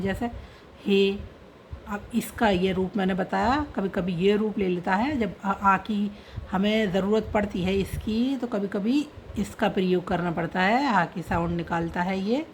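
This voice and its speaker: A woman's voice: medium pitch, a little hiss or hum. A woman teaching an online reading and writing lesson, patiently spelling out letters and their sounds one by one.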